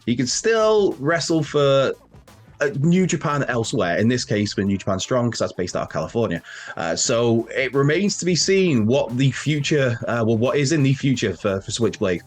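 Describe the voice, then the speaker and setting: A man hosts a wrestling news show, talking casually to camera over soft background music. His mid-range voice is very animated at a normal speed but nasal and bunged up from a cold, and he rambles, corrects himself, and chats with asides.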